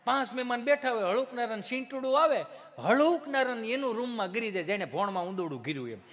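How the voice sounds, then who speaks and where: A high-pitched man with a Kathiawadi Gujarati accent works a live stand-up crowd in a bright, ringing voice. He spins folksy stories and keeps turning to the audience with punchy rhetorical asides. The sound is a little dull, with faint hiss. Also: expressive, fast. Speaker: stand-up comedian.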